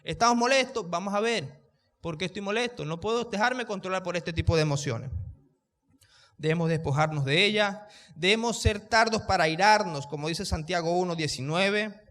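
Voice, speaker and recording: In church, a male pastor preaches a sermon, raising his voice to fill the room and putting questions to the congregation. His voice sits high and fairly bright, at normal speed, with a long reverb tail.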